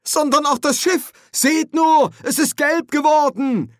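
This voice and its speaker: A man's voice: very high voice, fairly even intonation, measured pace, dry recording, studio quality, voice pushed up. A man voicing a harried young male wizard, anxious and sarcastic, his voice raised and strained. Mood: panicked.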